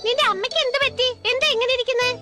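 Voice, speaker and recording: A woman voicing a small, excitable girl in a dubbed cartoon, chattering in a childlike way. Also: very high-pitched, rapid-fire. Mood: worried. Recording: cartoon dub with loud music.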